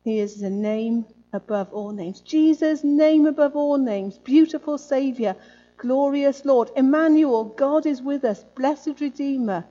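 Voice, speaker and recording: A woman's voice: high voice, unhurried, dark tone, lo-fi sound. A woman preaching a sermon in a conversational way, often adding tag questions.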